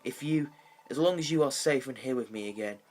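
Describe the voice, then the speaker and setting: A man's voice: medium pitch, a little fast, a little mellow, close to an everyday voice. A man voicing a protective, anxious male scholar creature in a soothing manner.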